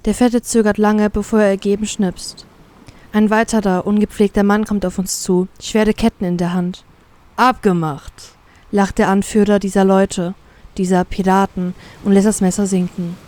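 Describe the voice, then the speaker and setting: Woman reading fanfiction in a mellow voice. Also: mid-range voice. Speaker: reader. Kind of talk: first-person fanfiction audiobook narration.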